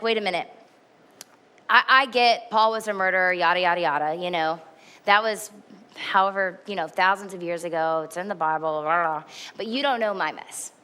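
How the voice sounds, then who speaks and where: A woman's voice: a little high, sharp tone. A woman in her forties preaching a sermon, earnest and candid, with emphatic repetition. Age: 40s. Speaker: pastor.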